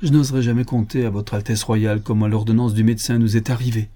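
A man's voice: lowish voice, steady tone, fast, warm tone, natural voice. A man reading an audiobook, voicing a humble, grieving forest keeper who speaks with deference and emotion. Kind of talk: audiobook character voice.

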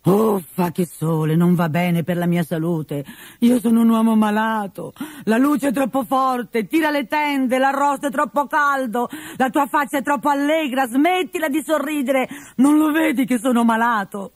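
A man voicing a grumpy, miserly old man who whines about being sick and scolds his servant, sometimes shouting. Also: very high voice, normal speed, dry recording, clean studio sound, voice pushed up. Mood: complaining.

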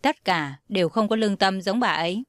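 A woman reading as an anxious young friend in an audio story, blunt and hurried, with a bossy edge. The sound is dry and close. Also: medium pitch, no room sound, lightly acted. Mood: urgent.

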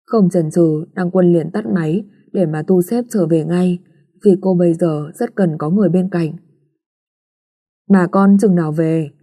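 Giọng nữ trầm ấm kể chuyện. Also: female voice, lowish voice, moderate pace. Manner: calm, steady storytelling. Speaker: story narrator. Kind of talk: scripted audiobook narration.

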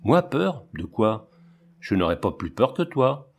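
A man's voice: medium pitch, unhurried, husky, full character voice. A man reading a storybook, voicing a bold, eager little girl, the daughter of an animal tamer. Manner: excited, pleading.

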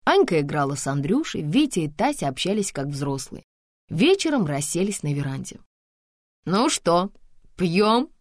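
A woman reading an audiobook in plain, even storytelling. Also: low-pitched, brisk, dry recording, studio quality. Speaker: narrator. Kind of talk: audiobook narration.

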